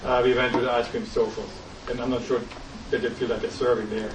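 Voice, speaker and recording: A middle-aged man with a German accent speaks earnestly in a panel discussion, fast and flat at medium pitch, rambling and restarting his sentences. The recording is roomy and noisy, with a distant mic.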